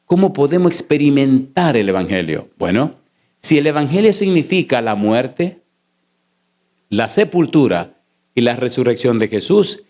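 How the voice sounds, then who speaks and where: Pastor guy preaching in church, keeps asking the crowd yes or no, slow punchy bits then fast bursts. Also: mid-range voice, darkish tone. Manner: emphatic, repeated rhetorical questions to the congregation; shifts between slow stressed phrases and rapid runs. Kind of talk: sermon. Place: church sanctuary. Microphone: sermon recording.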